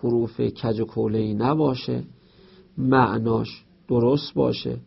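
Gravelly-voiced man teaching rhetoric. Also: medium pitch, steady tone, lo-fi sound. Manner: explains with everyday examples and reads out Arabic text. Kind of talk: explaining a rhetoric textbook.

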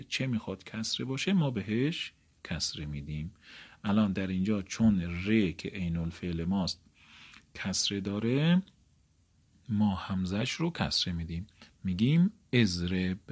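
Low-voiced man teaching grammar step by step. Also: darkish tone. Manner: step-by-step, asks and answers his own questions; reads textbook lines, then explains them in his own words. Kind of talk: explaining a textbook lesson.

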